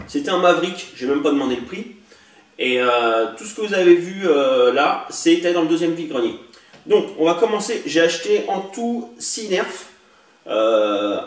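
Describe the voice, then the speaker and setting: A man casually showing off toy blasters he bought, chatty and hesitant with many fillers, recorded indoors on a camera mic. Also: a little high. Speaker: toy collector vlogger. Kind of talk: casual show-and-tell demo. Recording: echoey room, distant mic, faint hiss.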